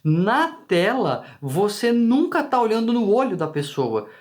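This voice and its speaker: A man's voice: high-pitched, big pitch swings, a little slow. A man with a Brazilian Portuguese accent hosting his channel, explaining casually to the viewer and often tagging questions on to his sentences. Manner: conversational, frequent tag questions to the viewer; talks directly to the viewer. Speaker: channel host.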